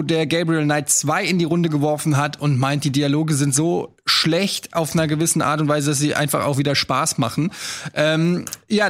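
Ein Mann, der locker und mit vielen Füllwörtern eine Diskussionsrunde moderiert. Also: male voice, on the high side, a bit bright. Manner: loose, many hesitation fillers. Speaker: host, moderator. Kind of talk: moderating a panel discussion.

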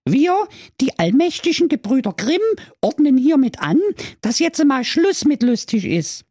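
A man's voice: very high voice, big pitch swings, a little slow, a little mellow, no room sound, clean studio sound, voice pushed up, full character voice. A man voicing a fairy-tale maiden who reads out a decree in a shrieking, proclamatory way. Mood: proclaiming. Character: shrill letter-reading fairy-tale maiden.

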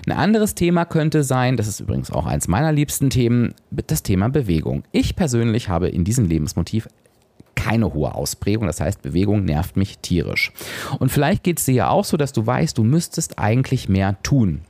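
A man's voice: on the low side, very animated, moderate pace, darkish tone, no echo. A man hosting a solo podcast as a coach, speaking straight to the listener and often adding tag questions.

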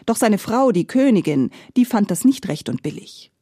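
A woman narrating a fairy tale in an expressive storytelling manner, close on a studio mic. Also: mid-range voice, moderate pace, no room sound.

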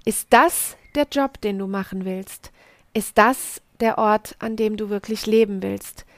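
A middle-aged woman hosting a podcast, giving a slow, emphatic motivational talk and repeating key phrases for weight. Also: medium pitch, dry recording, clean studio sound. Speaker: podcast host and coach.

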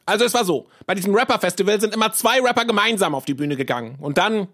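Casting: a small, jittery mouse with a bright, breathy voice. Children's radio play. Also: medium pitch, fast. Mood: excited telling. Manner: excited storytelling, anxious. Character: small, eager, nervous mouse rapper. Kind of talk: children's audio drama acting.

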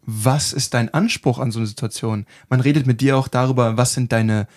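A man talking fast at a middle pitch in a casual podcast chat. He explains his points as a self-defence trainer, stacking thoughts quickly and checking in with short tag questions. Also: fairly even intonation, darkish tone.

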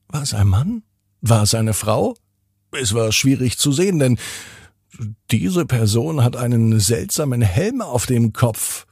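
Gravelly-voiced man telling a bedtime story. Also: medium pitch, a little mellow, dry recording, studio quality. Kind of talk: scripted bedtime story narration.

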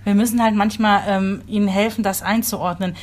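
A woman talks in an easy conversational way. She is expressive and quick to laugh, often adding small agreeing sounds. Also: medium pitch. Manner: expressive, laughs easily, frequent agreeing fillers. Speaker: podcast co-host, mother. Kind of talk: casual chat.

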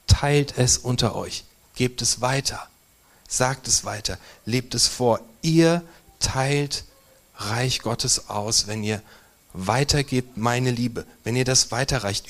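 Male pastor, sermon delivery, emphatic, drops to near-whispers, mid pitch. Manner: emphatic preaching, swinging between loud stresses and hushed near-whispered lines.

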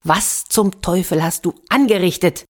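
A woman's voice: lowish voice, unhurried, a little mellow. A woman doing a weary, scolding old father. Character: stern, exasperated old village father.

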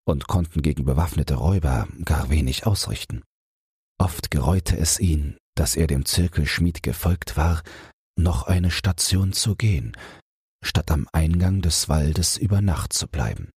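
A man calmly narrating a fairy tale as a bedtime audiobook, in a measured reading voice. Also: very deep voice, slightly rough, dry recording, clean studio sound. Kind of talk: scripted bedtime story narration.

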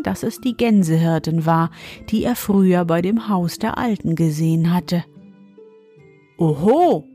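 A woman reading a fairy tale aloud in a calm, measured storytelling manner. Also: mid-range voice.

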